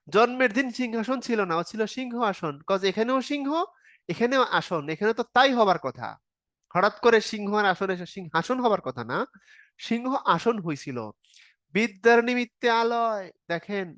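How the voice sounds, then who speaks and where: A man's voice: fairly high pitch, a bit bright, no room sound, clean studio sound. A man teaching a grammar class online, explaining step by step in an informal spoken style and asking the students questions. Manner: informal spoken style, casual verb forms. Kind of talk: online exam-prep lecture.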